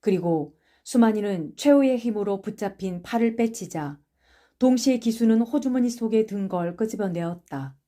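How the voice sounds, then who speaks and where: A woman narrating a short story for an audiobook in a measured, steady storytelling manner. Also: medium pitch.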